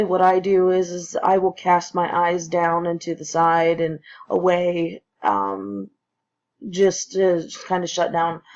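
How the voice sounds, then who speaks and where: A presenter explaining something informally in a hesitant, halting way. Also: mid-range voice. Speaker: presenter introducing a meditation. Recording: muffled lo-fi recording.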